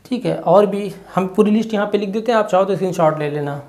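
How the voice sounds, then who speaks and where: A teacher giving an exam-prep lesson, stepping through each point by asking a question and then answering it, and checking in often with a quick "okay". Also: medium pitch, darkish tone. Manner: asks and answers own rhetorical questions.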